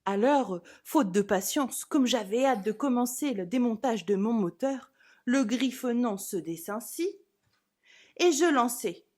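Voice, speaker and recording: A woman with a fairly high, husky voice narrates a storybook. Her reading is theatrical and dramatic, leaning hard on phrases like a stage performer. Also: animated, a little slow, mellow.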